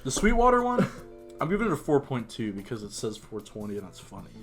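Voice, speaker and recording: A man's voice: medium pitch, wildly swooping pitch, fast talker, soft background music. Tipsy man rating beers with friends. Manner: joking, tipsy, rambling. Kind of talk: casual drunken banter.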